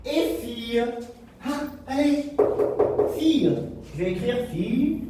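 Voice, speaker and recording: Slow, singsong male teacher in echoey room. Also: extremely high pitch, big pitch swings, loud music behind the voice. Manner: slow and drawn out, acting out the pupils' answers himself. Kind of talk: French lesson for children. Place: classroom with whiteboard. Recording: echoey room, mic far off.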